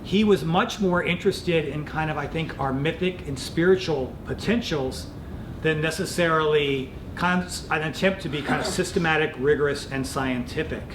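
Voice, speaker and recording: A middle-aged male professor gives an explanatory lecture in a fairly high voice. His phrasing is thoughtful and informally academic. The room is very echoey, with a clear low rumble of noise behind him. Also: moderate pace.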